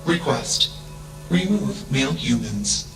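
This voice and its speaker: A flat emotionless AI robot. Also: male voice, medium pitch, takes it slowly, over music, poor audio. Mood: cold. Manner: announces each statement with a one-word label. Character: cold logical male AI robot. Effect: flat emotionless machine voice. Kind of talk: video game dialogue.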